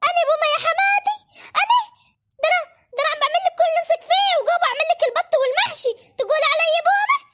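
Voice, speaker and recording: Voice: lively intonation, racing, heavy background noise. A voice actor playing a whiny young village wife, complaining and protesting in a cartoon. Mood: tearful. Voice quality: squeaky, tearful.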